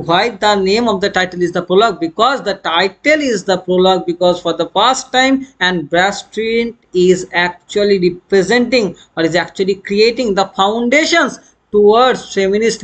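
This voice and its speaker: Brief man with a very high voice lecturing as a teacher, dictating slowly and then explaining fast. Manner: asks questions and answers them himself; dictates English notes slowly and spells words out letter by letter. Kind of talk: classroom lecture.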